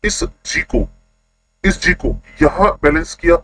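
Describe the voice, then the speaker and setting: A man teaching a chemistry class online, constantly quizzing his students with quick questions. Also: fairly high pitch, bright, forceful tone, slight background noise, rough recording.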